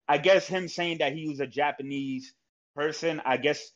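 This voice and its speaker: A man's voice: on the high side, fairly even intonation, normal speed, a bit bright. A man talking in a casual, rambling way with lots of fillers and swearing. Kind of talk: casual chat. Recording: dull lo-fi audio.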